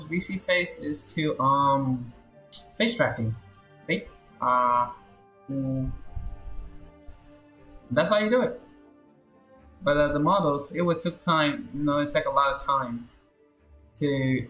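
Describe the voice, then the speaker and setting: A young man chats casually while streaming a game, his voice a little high and a bit bright. He sounds laid-back and slightly hesitant, and the recording has a roomy echo with game music playing behind.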